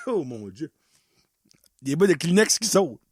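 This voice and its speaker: Acadian french guy on his podcast, goes way up and down, high voice, laughs a lot, mixes in english. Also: husky, no echo, clean studio sound. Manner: animated, laughs often, mixes in English words. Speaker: podcast host. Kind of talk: casual storytelling monologue.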